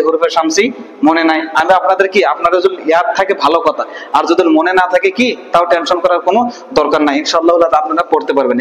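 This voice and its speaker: High-voiced man teaching Quran reading. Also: reverberant, in a large hall, poor audio. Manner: asks questions and answers them himself, spells syllables slowly; stretches out recited words in a slow chant. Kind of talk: online Quran reading lesson.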